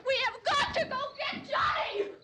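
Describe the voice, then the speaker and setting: An actress playing a fragile young woman in shock in a 1960s horror film, speaking haltingly and breaking into sobs. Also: very high voice, shouting. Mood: pleading. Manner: halting, dazed, breaking into hysterical crying. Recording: old noisy film soundtrack.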